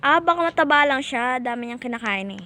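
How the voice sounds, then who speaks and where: A woman's voice: high-pitched, animated, brisk, pushed and bright. A woman from the Philippines giving playful gameplay commentary, muttering to herself as she plays. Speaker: gamer.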